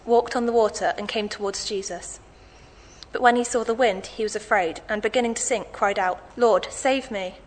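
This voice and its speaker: Woman doing a bible reading at church, voice a bit on the high side. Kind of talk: scripture reading.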